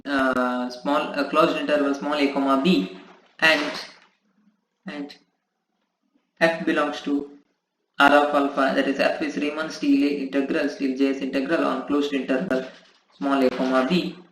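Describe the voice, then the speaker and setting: A man's voice: mid-range voice, flat delivery, unhurried, long pauses, a bit bright, a little hiss or hum. A man lecturing in mathematics, dictating in short, repeated phrases as he writes. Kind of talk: maths lecture dictated while handwriting. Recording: echoey room.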